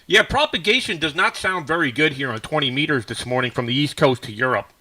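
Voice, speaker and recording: Bright, forceful man on ham radio. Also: a little high, expressive, fast talker. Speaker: amateur radio operator. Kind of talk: ham radio contact with call signs.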